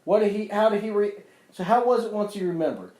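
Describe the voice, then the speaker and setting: A man's voice: sits high, fast, warm tone, reverberant, poor audio. A man casually questioning his father in an offhand, teasing way. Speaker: interviewer, son. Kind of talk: casual chat.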